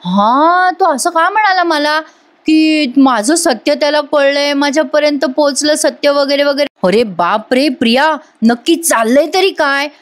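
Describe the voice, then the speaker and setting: A scheming young wife, fretting under her breath and then hissing threats, read by a woman narrating a serial recap. The voice sits high, a touch raised over the teller's usual. It plays as a story retold at home, not a full performance. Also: measured pace. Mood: fretful. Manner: muttering to herself, then menacing.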